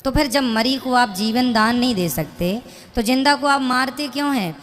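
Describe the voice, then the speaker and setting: A woman's voice: a little high, normal speed, a little hiss or hum. A woman preacher lecturing a listener with pointed rhetorical questions, speaking plainly and morally. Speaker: spiritual preacher. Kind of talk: preaching to an audience member. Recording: long hall reverb.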